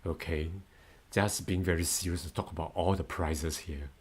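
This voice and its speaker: A man in his fifties, a native Mandarin speaker, runs a live-stream trading lesson analyzing forex charts. His voice is low, steady, and slightly rough at a moderate pace, and he's chatty and upbeat, often laughing and thanking viewers.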